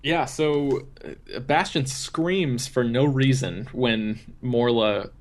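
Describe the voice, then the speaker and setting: A man's voice: medium pitch, takes it slowly. A man hosting a movie podcast, rambling casually with lots of fillers and restarts. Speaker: podcast host. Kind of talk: casual movie review chat.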